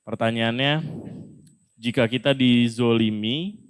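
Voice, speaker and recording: A man's voice: mid-range voice, takes it slowly, clear, resonant tone, no room sound. A man moderating a religious Q&A, politely reading out questions from the audience. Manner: polite, deferential to the teacher.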